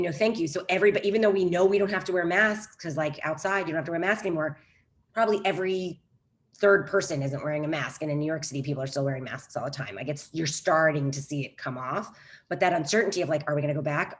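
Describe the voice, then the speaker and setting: A lowish-voiced woman talks through a webinar on a video call, animated and conversational. She tosses in quick asides and rhetorical questions as she explains things. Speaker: psychologist giving a webinar talk. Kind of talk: informal webinar presentation.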